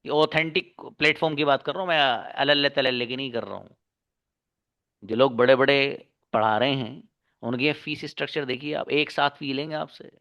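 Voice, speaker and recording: Speaking at a medium pitch and moderate pace with a slightly bright voice, a man teaching an online English class gives his students an earnest, coaxing motivational talk. He calls them brother and daughter, and the audio comes through an online class mic.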